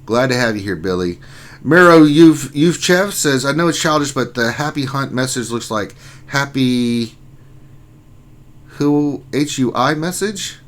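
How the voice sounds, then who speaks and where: A man's voice: medium pitch, animated, a little slow. A man hosting a casual gaming livestream, reading viewer chat aloud and joking with his co-hosts. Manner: reads chat names aloud, joking and teasing. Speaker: livestream host.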